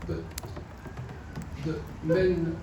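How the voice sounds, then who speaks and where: A man's voice: on the high side, sing-song, drawn-out words, dull audio. A man giving an enthusiastic, rambling closing speech at a literature festival. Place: festival venue. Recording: very echoey hall from far off with noise.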